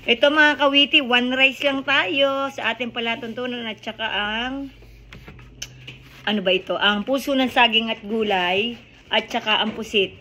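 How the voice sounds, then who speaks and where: A woman's voice: a little high, fairly even intonation, moderate pace, bright, forceful tone. A woman with a Filipino accent chats casually to her mukbang viewers, chewing while talking. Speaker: vlogger hosting a mukbang. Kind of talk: casual mealtime vlog chat. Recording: clear background noise.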